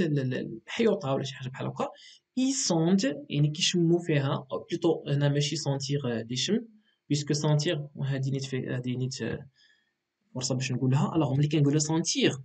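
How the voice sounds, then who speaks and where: A man with a Moroccan accent teaches an exam revision lesson at a fast clip. His voice sits a little high and has a husky edge. He explains patiently and keeps checking in with the class. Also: lively intonation, a little mellow. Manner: mixes Moroccan Arabic and French, explains patiently with frequent "ok".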